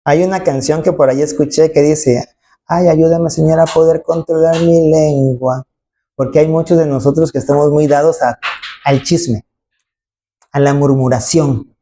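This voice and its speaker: There's a little hiss or hum under this warm, steady, mid-range voice, which moves at a normal speed. It's a preacher in church giving an emphatic sermon, frequently adding tag questions and acting out quoted voices.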